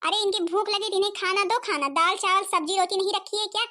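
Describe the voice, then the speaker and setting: Cartoon saas, bossy and nagging, very high voice. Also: female voice, steady tone, fast, sharp tone. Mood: scolding. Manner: nagging, scolding. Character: scolding, stingy older mother-in-law who favours grandson. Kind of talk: cartoon comedy voice acting.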